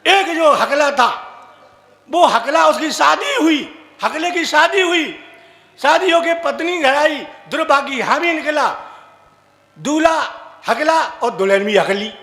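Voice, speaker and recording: A man's voice: extremely high pitch, expressive, slow, sharp tone. A man, a comic poet, telling jokes on stage and acting out drunks and stammerers. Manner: acts out drunk and stammering characters. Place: stage in a large hall with audience. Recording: echoey hall from far off.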